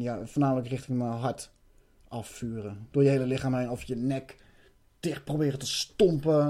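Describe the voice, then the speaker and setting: A man's voice: mid-range voice, darkish tone. A man recounting a personal spiritual experience in an intense way, swearing and restarting his sentences.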